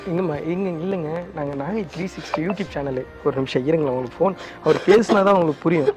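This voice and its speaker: A man's voice: on the high side, fast talker. A man hosting a prank video, coaxing and apologizing over and over with nervous laughs. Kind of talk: casual pleading apology. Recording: loud background music.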